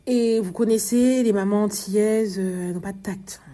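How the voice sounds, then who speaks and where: Tired Martinican woman podcaster, mellow voice. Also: medium pitch. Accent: Martinican French. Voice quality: fast, stumbling speech with dropped R sounds. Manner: frequent restarts and fillers, confiding tone. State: exhausted. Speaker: podcast host. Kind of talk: personal storytelling podcast.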